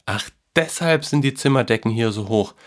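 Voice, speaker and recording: A man voicing a curious, excited young boy who spells words out slowly. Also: medium pitch, voice pushed up, natural voice. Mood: amazed.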